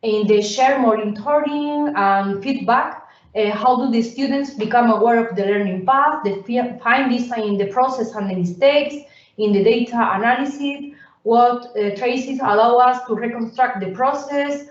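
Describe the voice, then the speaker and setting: Female presenter, slightly high voice, hesitant delivery full of fillers, caught from a distance on a dull recording. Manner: halting, with many fillers and restarts. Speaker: presenter at a research workshop. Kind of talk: academic conference presentation. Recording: roomy, distant, dull sound.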